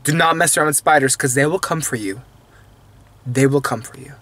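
A man's voice: mid-range voice, a little fast, bright, forceful tone. Playful young man rambling in a car. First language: not English. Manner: playful, self-mocking rambling. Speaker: vlogger. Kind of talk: casual late-night car vlog. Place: parked car at night. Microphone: phone camera held at arm's length.

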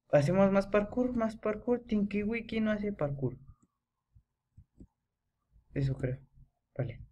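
A teenage boy, giving excitable horror gameplay commentary, chanting and yelling when scared. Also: high-pitched, takes it slowly, long pauses, dull audio. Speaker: gamer.

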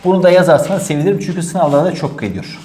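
A man's voice: fairly high pitch, fast talker, darkish tone. A man teaching grammar in an exam-prep lesson, emphatic, repeating key rules and voicing his students' questions. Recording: echoey room.

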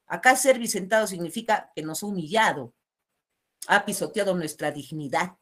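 A woman's voice: lowish voice, expressive, normal speed. A woman teaching literature in an online class, explaining with rhetorical questions and repeating key phrases. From Peru.

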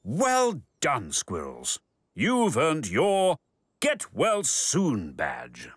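Gentle, encouraging male cartoon narrator. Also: fairly high pitch, huge pitch swings, very slow, breathy edge, no room sound, studio quality. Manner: gentle, encouraging, addresses the children. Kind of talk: scripted children's cartoon narration.

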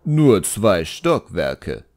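A man playing a mocking old djinn, slow, drawn-out, lively pitch, audiobook. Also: no echo, clean studio sound, heavily acted. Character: ancient sardonic male djinn, mocking. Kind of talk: audiobook reading.

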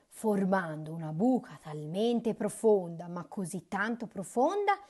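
A young woman reading a fairy tale aloud to children with an expressive, husky voice that drops to whispers. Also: lowish voice. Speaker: children's storyteller.

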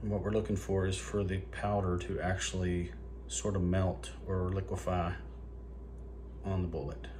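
Low-voiced man explaining a craft, noisy room. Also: normal speed. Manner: relaxed, step-by-step with frequent ums and uhs. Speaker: lure-making video host. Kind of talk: casual how-to demonstration. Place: indoors at a tabletop workspace.

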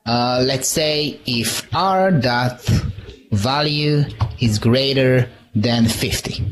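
A man's voice: medium pitch, very slow. A man giving a live conference talk, conversational, checking in with "all right?" and often restarting words. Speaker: conference speaker.

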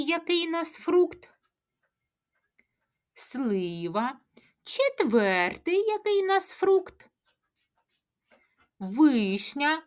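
A woman teaching a speech lesson to preschoolers, asking questions, answering them herself and chanting tongue twisters slowly. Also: a little high. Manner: sing-song, drawn-out tongue-twister chanting. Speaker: kindergarten teacher.

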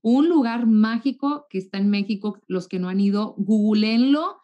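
Northern Mexican woman, 30s, relaxed chatty guest on a webcam call. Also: mid-range voice, moderate pace, dull audio. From Mexico, raised in Monterrey. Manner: warm chatty, repeats words when restarting. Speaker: guest, TV journalist. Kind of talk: casual interview chat. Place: home room, indoors. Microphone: video call webcam.

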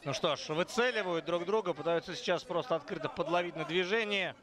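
A man's voice: sits high, a little fast. A man giving live play-by-play commentary on a mixed martial arts fight. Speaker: sports commentator. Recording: loud arena crowd behind commentary. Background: crowd noise.

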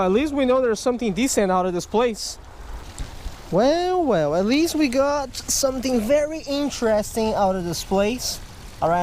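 This fishing vlog features a man in his thirties with a high voice and darkish tone, chatting to viewers and exclaiming at each fish he lands beside a wooded creek. The camera mic, handheld or chest-mounted, adds a little hiss or hum.

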